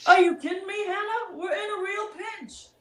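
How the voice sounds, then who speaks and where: A woman voicing a group of fretting monsters in a storybook reading, shrill and alarmed. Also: moderate pace. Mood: panicky. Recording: roomy echo.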